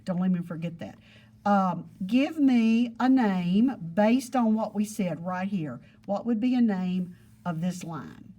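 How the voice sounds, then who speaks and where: Her warm, expressive voice sits at a medium pitch and moves at a slow pace as she teaches geometry to a class. The woman explains patiently in this classroom lesson, repeating points and tying them to everyday examples for her students.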